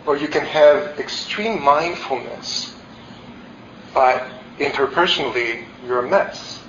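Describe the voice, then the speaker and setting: A meditation teacher in his forties from El Salvador gives a candid, reflective dharma talk full of fillers and restarts. His mid-range, fairly bright voice moves slowly, recorded in a roomy, slightly dull meditation hall with slight background noise.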